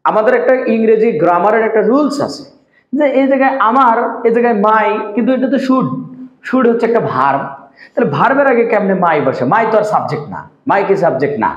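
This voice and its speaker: High-voiced man teaching in an echoey room. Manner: repeats points and quizzes the viewer with questions. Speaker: English teacher. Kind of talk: spoken-language lesson. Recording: echoey room, dull lo-fi sound.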